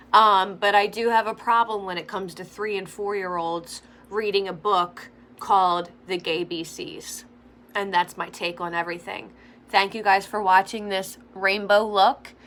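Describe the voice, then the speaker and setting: A woman's voice: mid-range voice, a bit bright. A young woman giving chatty, opinionated commentary while doing her makeup, filling her talk with "like". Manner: chatty, frequent "like" fillers. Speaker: makeup vlogger. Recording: faint background noise.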